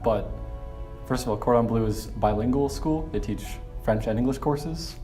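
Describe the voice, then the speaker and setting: A man's voice: medium pitch, moderate pace, dark tone, soft background music. A man, a culinary student, giving casual, frank, laid-back interview answers.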